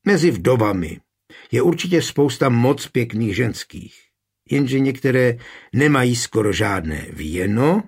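A man reading the part of a calm, wry, confident suitor in an audiobook, with a husky voice. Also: medium pitch.

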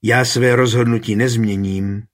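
A man with a husky, medium-pitched voice close to an everyday speaking voice reads an audiobook. He raises his voice when voicing an impulsive, bitter young woman.

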